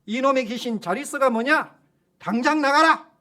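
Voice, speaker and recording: A bold male pastor thunders rebukes at a demon, his voice raised and driven, as a preacher acts him out in a sermon. The tone is high and forceful throughout. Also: moderate pace. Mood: commanding rebuke. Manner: loud commanding rebuke.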